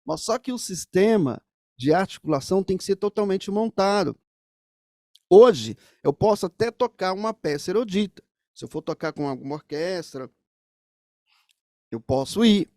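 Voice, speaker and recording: A man's voice: sits high, animated, normal speed, a little mellow, no echo, studio quality. A man teaching saxophone, explaining things straight to the viewers in a music lesson.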